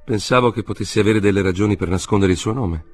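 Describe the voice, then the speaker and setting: A man's voice: fairly low pitch, fast talker, soft background music, voice pushed up, lightly acted. A man reading an audiobook voices a curt, suspicious man who questions and orders others sharply. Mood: probing. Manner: sharp, commanding.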